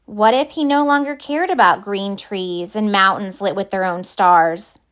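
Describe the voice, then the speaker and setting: The reader is a woman with a medium-pitched voice, telling a children's picture book story in a deliberate, expressive way.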